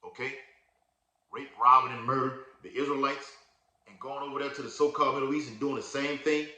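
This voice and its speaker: A man preaching a fervent prophecy sermon in casual slang, reading scripture verses out loud and booming with emphasis. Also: steady tone, brisk, roomy sound.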